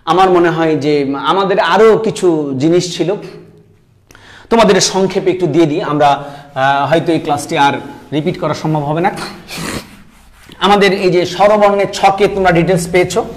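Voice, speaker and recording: Middle-aged man, teacher, slightly high voice, hesitant with fillers and throat clearing, checks that students follow. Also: normal speed, pauses often. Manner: explains step by step, often asking "কেমন?" to check understanding. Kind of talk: online grammar lesson.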